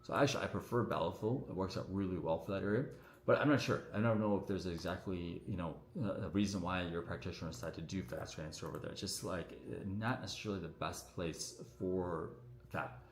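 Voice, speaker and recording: A man, a doctor, answering viewer questions on a casual livestream in a relaxed, chatty way full of fillers, his voice echoing around the room. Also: sits low, brisk. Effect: echoing room sound on the stream. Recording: echoey room audio on a livestream.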